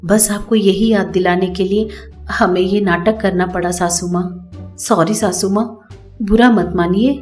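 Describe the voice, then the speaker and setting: A woman's voice: mid-range voice, steady tone, measured pace, soft background music, lightly acted. A woman voicing a kind, clever young daughter-in-law in a cartoon story. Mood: gentle. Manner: gentle, coaxing.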